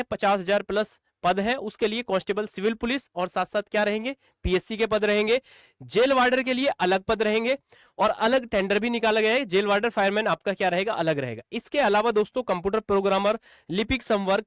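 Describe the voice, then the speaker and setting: An exam coaching teacher with a high, slightly bright voice teaches in an explainer video recorded with no echo. He's repetitive, posing rhetorical questions and answering them himself, and he calls his viewers friends and brother.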